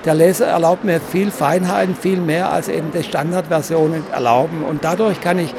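Deliberate man explaining, noisy surroundings. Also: fairly high pitch, steady tone. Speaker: exhibitor and designer of paper models. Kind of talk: interview, explaining his work. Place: stand at a busy book fair. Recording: clear background noise of a busy fair.

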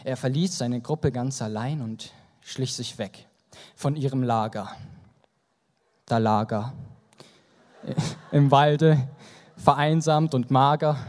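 Young man rhyming at a poetry slam. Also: fairly high pitch. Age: young adult. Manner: dramatic, rhythmic, storytelling. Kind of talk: rhymed spoken-word performance. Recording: stage hall reverb.

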